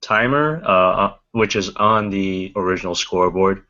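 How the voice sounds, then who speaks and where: A low-voiced man talks through a casual podcast chat, circling back with restarts and fillers. His tone is bright and forceful. The audio sounds dull and lo-fi. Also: normal speed. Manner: rambling, many restarts and fillers. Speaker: podcast co-host.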